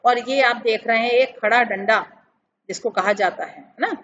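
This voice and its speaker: A woman teacher explaining grammar to children, talking them slowly through examples. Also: a little high, fairly bright tone. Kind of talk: classroom lesson explanation. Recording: dull lo-fi sound with faint background noise.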